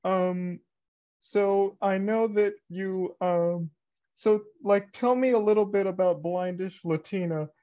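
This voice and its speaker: An interviewer asking casual questions, often hesitating and using fillers. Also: mid-range voice. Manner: halting, filler-heavy questioning. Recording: dull lo-fi recording.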